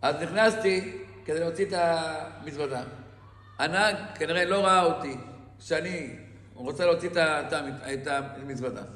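A frightened young woman stuck in a dark luggage hold pleads her story, as a man puts her on in a sermon. The voice sits fairly high and pleads hurriedly. The sound rings with long hall reverb. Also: close to an everyday voice. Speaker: preacher.

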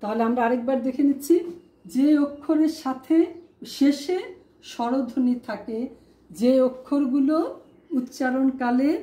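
A woman's voice: sits high, dark tone. A woman teacher giving a classroom lesson, asking her students rhetorical questions and spelling words out syllable by syllable. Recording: echoey room.

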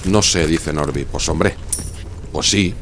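Man, Spanish accent from Spain, low voice, chatty game streamer, faint background hum. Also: slow pace, fairly bright tone. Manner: chatty, argumentative, reads out viewer messages. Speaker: gaming streamer. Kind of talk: casual live-stream chat while playing.

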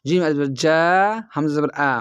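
A man's voice: a little high, flat delivery, smooth, dry recording. A man teaching how to read the Quran, spelling each letter and vowel sign in short chanted steps and explaining the reading rules. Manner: slows into drawn-out melodic recitation for the verses. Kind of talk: letter-by-letter spelling lesson with slow recitation.

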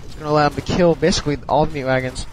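Brief: slightly high-voiced man, drowsy, halting replay commentator. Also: steady tone, background noise. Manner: hesitant, many ums and restarts. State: sleepy, yawning. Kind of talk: casual strategy game replay commentary.

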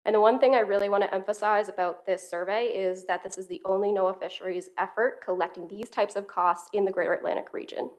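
A woman's voice: medium pitch, fast, hardly any pauses. Woman economist giving a meeting presentation. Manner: steady, explanatory, occasional self-repeats. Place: council meeting room. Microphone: table microphone.

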